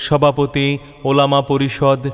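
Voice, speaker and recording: A man with a Bangladeshi accent reading a scripted loudspeaker announcement in a declamatory, chanting cadence with drawn-out phrases. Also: medium pitch, completely flat delivery, clean tone. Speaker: event announcer. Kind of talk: scripted loudspeaker advertisement for a religious gathering. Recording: long echoing reverb, faint music behind.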